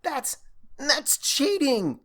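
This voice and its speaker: A man reading a fan fiction audiobook, voicing a desperate, exhausted young female unicorn who shouts and drags out her words. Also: very animated, exaggerated voice. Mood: frustrated. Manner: shrill, shouting, drawn-out words.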